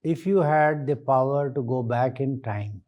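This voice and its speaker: A man with an Indian accent questioning as an interview panellist in a deliberate, wry, correcting way. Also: mid-range voice, muffled recording.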